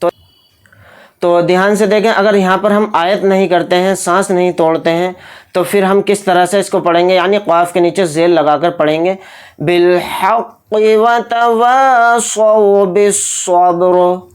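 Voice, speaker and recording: A man's voice: high-pitched, flat delivery, brisk, clean tone. A man teaching Quran recitation, patiently explaining each letter and drawing out the sounds as he demonstrates. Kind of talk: slow, methodical recitation lesson.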